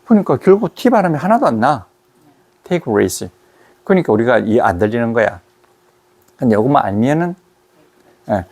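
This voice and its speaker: A man teaching English pronunciation, repeating example words slowly and drawn out. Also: mid-range voice, very animated, a little mellow. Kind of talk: explaining and demonstrating pronunciation.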